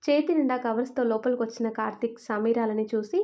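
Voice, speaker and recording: A woman storyteller reading a family story as scripted narration, in an even, clear way. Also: a little high, brisk.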